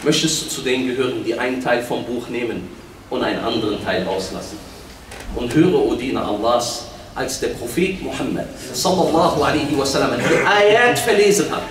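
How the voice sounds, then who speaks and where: A man preaching a sermon with passion, moving between loud appeals and low, quiet asides, and reciting verses in Arabic. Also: fairly quick. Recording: echoey hall from far off with faint noise.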